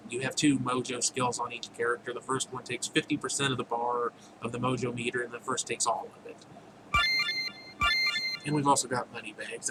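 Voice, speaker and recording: Guy showing off his own game, rambly and jokey, mid-pitched voice, noisy hiss behind. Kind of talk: casual gameplay commentary.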